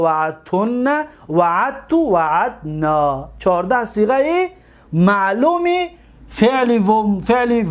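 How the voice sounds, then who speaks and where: A male teacher with a Tajik accent, speaking in a fairly high voice. He drills word forms one by one in a steady lecture and poses questions to his class before answering them himself. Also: clear, resonant tone. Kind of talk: classroom lecture, explaining grammar.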